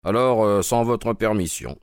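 A man voicing a calm, firm, composed detective in an audio drama. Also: lowish voice, unhurried, clear, resonant tone, no echo, studio quality, lightly acted. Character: calm, commanding male detective.

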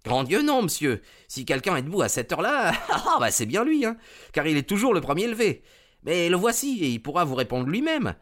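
A man voicing an excitable young stable groom in a reading of a detective story, talking high, fast and nervously. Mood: flustered. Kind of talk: audiobook narration.

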